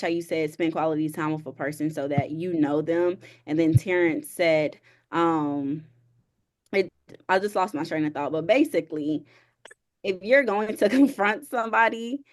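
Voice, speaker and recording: A woman who works as a therapist and counselor, giving calm, measured advice step by step in a conversation. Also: fairly low pitch.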